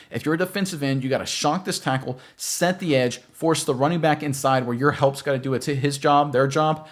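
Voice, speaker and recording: Fast-talking man breaking down game film. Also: mid-range voice. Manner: emphatic, coaching tone, addresses viewers directly. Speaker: football film analyst.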